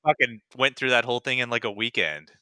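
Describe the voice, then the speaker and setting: A man's voice: medium pitch, fast, sharp tone, clean tone. A young man co-hosting a gaming podcast in casual chat, rambling and fumbling for names. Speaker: podcast co-host.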